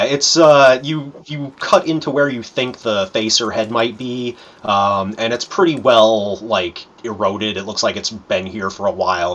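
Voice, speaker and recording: A man running a tabletop game, his fairly low voice easygoing and rambling. He fills pauses with ums and likes as he describes the scene. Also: lo-fi sound. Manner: relaxed, rambling, many fillers. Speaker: dungeon master.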